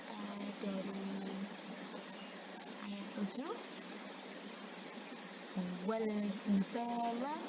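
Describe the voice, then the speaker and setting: A woman teacher giving a recorded tajwid lesson, explaining step by step and reciting verses slowly. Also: mid-range voice. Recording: dull lo-fi recording with background noise.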